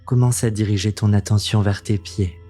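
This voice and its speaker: A man leading a guided meditation in a soothing, gentle, intimate voice that sounds close to the ear, unhurried and calming, as the host of the practice. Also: on the low side, soft background music. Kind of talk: slow guided meditation narration.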